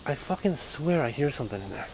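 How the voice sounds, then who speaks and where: A man's voice: a little high, expressive, fast talker, background noise. Uneasy young man, handheld outdoor vlog. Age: young adult. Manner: uneasy, hesitant, trailing off and muttering to himself. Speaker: urban explorer vlogger. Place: outdoors in an overgrown yard. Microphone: handheld camera.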